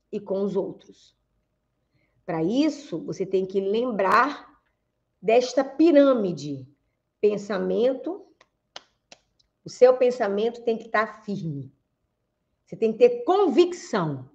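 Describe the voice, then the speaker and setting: A woman with a Brazilian Portuguese accent and a voice on the high side gives a lecture to an audience, coaching on communication. She asks rhetorical questions, calls her listeners "gente," and acts out quoted speech; the recording is muffled.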